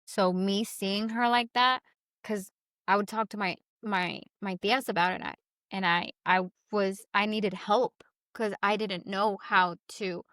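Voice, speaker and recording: A woman co-hosting a podcast in casual chat, blunt and animated, swearing freely. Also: medium pitch, a little slow, no room sound, studio quality. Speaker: podcast co-host.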